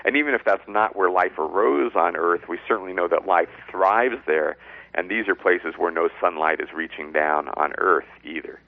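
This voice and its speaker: Over a thin, phone-like line, a man with a low, creaky voice explains science as an interview guest. He is measured and lays things out plainly, one step at a time.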